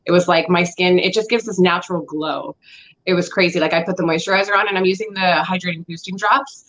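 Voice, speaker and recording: A woman's voice: lowish voice, steady tone, fast talker, a bit bright, lo-fi sound. A woman co-hosting a casual live stream, talking about skincare with enthusiasm. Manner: enthusiastic, uses "like" often. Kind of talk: casual live product chat.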